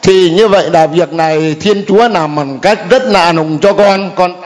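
An older man with a fairly high voice gives a spoken testimony, halting and hesitant, full of small pauses and fillers. His words ring out with a long reverb, as if he stands in a large church hall.

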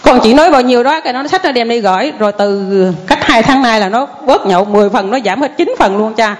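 A woman's voice: fairly high pitch, quick pace. An older woman giving a rambling, earnest spoken testimony to a priest.

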